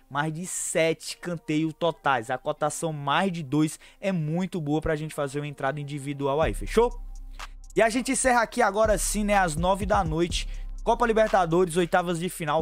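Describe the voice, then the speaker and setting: Homem animado dando palpites de apostas. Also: male voice, a little high, faint music behind. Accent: Brazilian Portuguese, São Paulo fan. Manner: brisk, chummy, calls viewers family and partner. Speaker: sports betting tipster. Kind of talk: fast betting tips over screen share. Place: small room at home.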